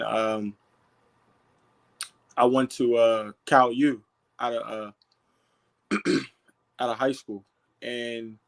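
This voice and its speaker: A young man from Pittsburgh, a football player as guest, talking in a relaxed way full of fillers. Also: medium pitch, clear, resonant tone. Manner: relaxed, filler-heavy, lots of "you know". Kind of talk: casual interview.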